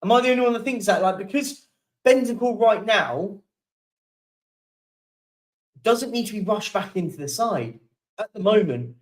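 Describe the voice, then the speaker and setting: A man's voice: sits high, animated, normal speed, pauses often, distant mic, poor audio. A young man hosting a casual live-stream chat, reading out viewer comments and yawning now and then. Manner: chatty, keeps yawning and apologising.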